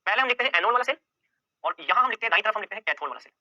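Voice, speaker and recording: A man teaches chemistry at breakneck speed, throwing out questions and answering them himself. His voice is high, bright and forceful. The sound is dry and close, but a little dull and muffled. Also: lively intonation, rapid-fire, no echo. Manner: repeats key points over and over. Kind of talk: exam-prep lecture.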